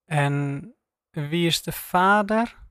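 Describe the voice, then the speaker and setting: A man's voice: high-pitched, expressive, a little slow, fairly bright tone, dry recording, studio quality, voice pushed up, full character voice. A man voicing a blunt worried friend.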